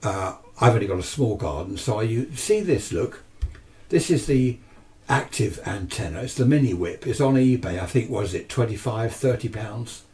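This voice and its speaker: A British man with a fairly low, dark voice talks at a moderate pace with plenty of expression. He's an amateur radio enthusiast chatting casually and off the cuff about his hobby, rambling but matter-of-fact, from his home radio shack. The mic sits far away and the room is noisy.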